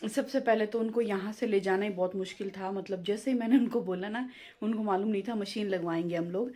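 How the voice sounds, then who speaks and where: A woman's voice: medium pitch, a little fast, warm tone. A woman telling a home story in a chatty, homely way as a vlogger. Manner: chatty and homely, peppering speech with "na" and "matlab". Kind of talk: casual storytelling vlog.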